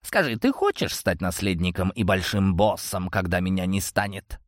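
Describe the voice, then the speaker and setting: Male narrator doing an older mob boss, bellowing, big swings from low drawl to high yells. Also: expressive, moderate pace, no room sound, studio quality. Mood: furious. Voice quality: roaring shouts. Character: older male crime boss, wrathful, blustering.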